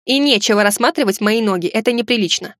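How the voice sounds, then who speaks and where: A woman voicing a sharp-tongued young female student who talks in a pert, indignant way. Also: a little high, fast talker, no echo, clean studio sound, lightly acted. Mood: cheeky indignant.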